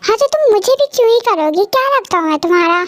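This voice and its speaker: A woman's voice: very high voice, lively intonation, fast, dry recording. A woman voicing a jealous, short-tempered young man who answers curtly and sarcastically, in a storybook reading. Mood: sulky. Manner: curt, sulky and sarcastic. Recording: faint music underneath. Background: soft background music.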